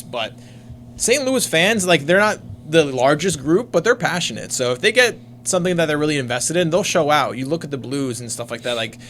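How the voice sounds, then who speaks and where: A man's voice: medium pitch, fairly bright tone, slight background noise. A man co-hosting a sports podcast, rambling casually with lots of fillers. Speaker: podcast co-host.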